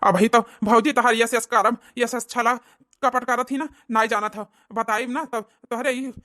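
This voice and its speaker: Someone voicing a nosy village guy, high pushed voice, bright and dry. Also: steady tone, moderate pace, no room sound, natural voice. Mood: disbelieving. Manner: prying, questioning. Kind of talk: cartoon comedy voice acting.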